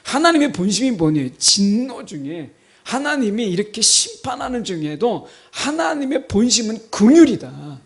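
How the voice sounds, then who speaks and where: A man's voice: high voice, very animated, moderate pace. A male pastor preaching a sermon, asking the congregation rhetorical questions and reading scripture aloud with dramatic emphasis.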